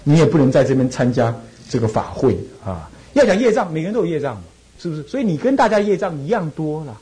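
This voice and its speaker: A man from Taiwan, a Buddhist monk and temple abbot, giving a dharma talk in an animated way, scolding and reassuring with rhetorical questions. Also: fairly high pitch, fast, slightly rough.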